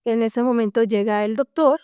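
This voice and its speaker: A woman's voice: a little high, fairly even intonation, normal speed, dark tone, smooth, no room sound, studio quality. A young woman guest telling a personal story in an earnest, casual way, often tagging her lines with a questioning "no?". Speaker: podcast guest.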